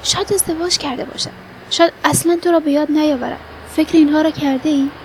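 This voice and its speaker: A woman's voice: high voice, fairly even intonation, a little hiss or hum, rough recording. A woman voicing a blunt homeless man who presses his friend with hard questions in a storybook reading. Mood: reproachful. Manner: probing, reproachful.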